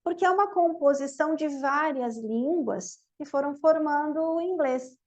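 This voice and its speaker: A woman's voice: high voice, moderate pace, highs cut off. A woman from Brazil whose first language is Portuguese, teaching an English lesson and explaining it step by step in Portuguese, repeating each example word twice.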